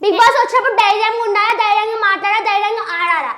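A child arguing quickly and indignantly in a playful staged reality-show skit. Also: very high-pitched, sharp tone, reverberant. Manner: quick and indignant, protests a lot. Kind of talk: playful argument.

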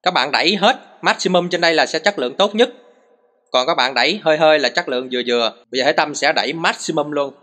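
A man's voice: on the high side, fast, pushed and bright. A man walks through a phone recording tutorial step by step, patient and full of short repeated cues.

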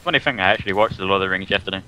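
Fast chatty guy w/ a really bright edgy voice, bossing his buddies around in a zombie game. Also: low voice. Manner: teasing, know-it-all advice. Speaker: co-op player. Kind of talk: casual gaming chat.

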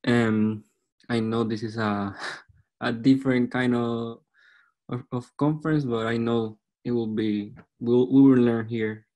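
A man in his twenties with a Puerto Rican accent, giving an academic presentation as a student researcher in a halting way, repeating words. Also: mid-range voice, fairly even intonation, mellow. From Puerto Rico. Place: online video call.

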